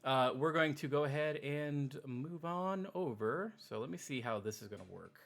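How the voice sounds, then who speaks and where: A man's voice: fairly high pitch, normal speed, creaky. A man narrating a tabletop role-playing game as game master, casual and rambling.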